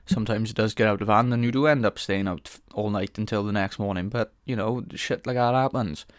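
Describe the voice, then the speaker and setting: Sweary young man, smooth voice. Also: lowish voice, a little fast, no room sound, studio quality. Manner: frank, rambling, heavy swearing; earnest, thinks aloud with fillers and restarts. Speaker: podcast host. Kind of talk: casual solo podcast monologue.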